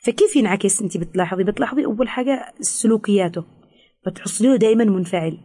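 Yemeni-accented woman, counselor, explaining rapidly, hesitant fillers, very quick delivery. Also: mid-range voice, mellow, slightly rough. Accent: Yemeni Arabic. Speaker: teen counselor. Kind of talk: expert interview answers.

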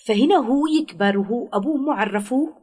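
A woman's voice: on the high side, lively intonation, quick pace, darkish tone, husky. A woman giving parenting advice in an interview, explaining patiently and acting out what parents might say to a child.

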